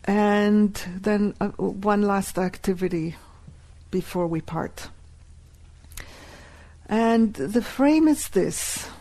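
Her mid-range voice has a dark tone as she leads a live workshop, purposely saying key phrases more than once. Hebrew is her first language.

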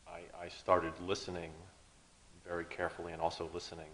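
A low-pitched man answers as a student of meditation. He is reflective and unscripted, feeling hesitantly for the right words as he describes his experience. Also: completely flat delivery, a little fast, a bit bright, slight background noise, poor audio.

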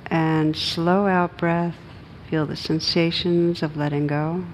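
A meditation teacher with a low voice guides a meditation, her pitch barely rising or falling. Her instructions are gentle and unhurried, separated by long pauses, while a steady, low-rumbling background noise runs underneath a rough recording.

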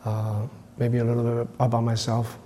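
A man from Taiwan, a meditation teacher giving a dharma talk to a retreat group. He speaks haltingly, with many fillers. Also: mid-range voice, completely flat delivery, dark tone, a little hiss or hum.

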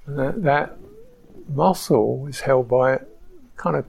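A man giving a slow, reflective dharma talk as a meditation teacher on a retreat, pausing often. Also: mid-range voice, vocal fry, breathy edge, low-quality recording. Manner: slow, reflective, soft-spoken with pauses. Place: retreat centre hall.

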